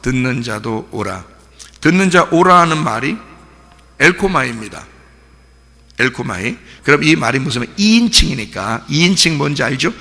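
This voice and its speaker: A male pastor preaching a sermon in a lively, animated way, firing rhetorical questions at his congregation and breaking into shouts. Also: on the high side, normal speed, vocal fry, big-room sound. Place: church sanctuary.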